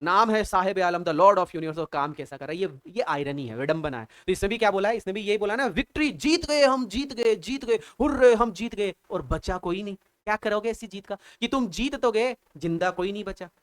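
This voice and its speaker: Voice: medium pitch, expressive, fairly quick, few pauses, fairly bright tone, no room sound. Teacher, dry close sound, keen and repetitive, quizzes the class. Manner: repeats and translates every phrase, rhetorical questions, enthusiastic exclamations. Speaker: English teacher. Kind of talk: bilingual line-by-line poem explanation.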